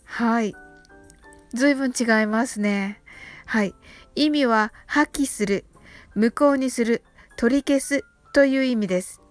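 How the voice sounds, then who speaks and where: A woman hosting a podcast English lesson, talking politely and chattily with soft fillers. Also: a little high, takes it slowly, long pauses, dry recording, faint music behind. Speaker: host of an English-learning podcast.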